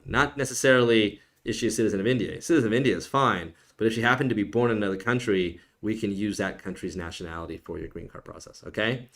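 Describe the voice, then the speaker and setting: Joking, low-voiced man answering live questions. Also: fairly bright tone. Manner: casual, joking, teasing viewers, frequent "okay?". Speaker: immigration attorney. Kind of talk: live-stream Q&A, reading viewer questions.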